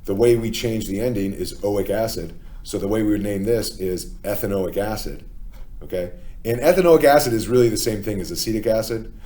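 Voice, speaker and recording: A man's voice: on the low side, brisk, mellow. A man with a Philadelphia accent, teaching a chemistry lesson step by step and often checking in with "okay?". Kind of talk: classroom lecture.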